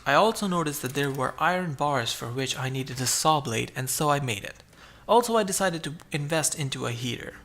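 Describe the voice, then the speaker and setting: A man's voice: on the high side, vocal fry, fairly bright tone. A man narrating his own survival game playthrough, chatty and explaining each move as he goes. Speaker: gameplay narrator.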